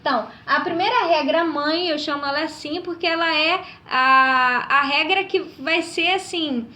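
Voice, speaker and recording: A woman's voice: high voice, moderate pace, sharp tone. A woman teaching a recorded lesson. She explains step by step and keeps checking in with her students. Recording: echoey room.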